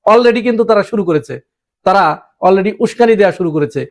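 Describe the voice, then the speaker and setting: High-voiced man giving political commentary. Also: lively intonation, quick pace, darkish tone. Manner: rhetorical questions, emphatic. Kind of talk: opinion monologue to camera.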